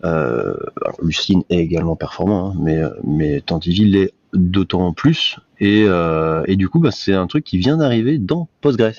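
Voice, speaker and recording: A man's voice: sits low, animated, moderate pace, darkish tone, no room sound. A man in his forties hosting a casual tech discussion, hesitant with many fillers and restarts. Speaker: podcast host. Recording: dull lo-fi sound.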